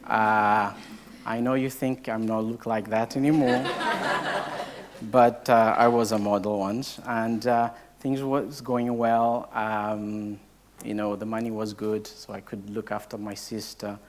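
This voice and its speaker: A man's voice: lowish voice, flat delivery, slow pace. Hesitant young man. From Portugal. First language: Portuguese. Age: young adult. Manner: hesitant, heavy with filler sounds and restarts. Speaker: case study speaker at a training event. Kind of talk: personal story told to a live audience.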